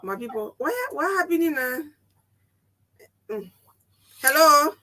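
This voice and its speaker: A woman's voice: sits high, animated, slow, bright, forceful tone. A Liberian woman hosting a live phone-in with a three-way phone call, informal and hesitant, repeating herself. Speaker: radio talk show host juggling a three-way phone call. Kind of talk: casual live phone-in chat.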